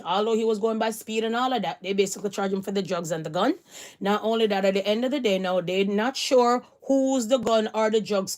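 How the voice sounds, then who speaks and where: Woman, live stream host, casual rambling news chat, mid-pitched voice. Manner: chatty, rambling, repeats allegedly.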